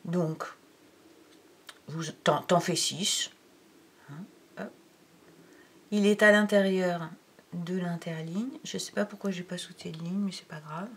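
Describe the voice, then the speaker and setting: Woman teacher, middle-aged, unhurried step-by-step handwriting instruction, occasional near-whispered asides. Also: on the low side, a little hiss or hum. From France. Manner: slow, counting aloud while writing, drops to near-whisper. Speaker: primary school teacher.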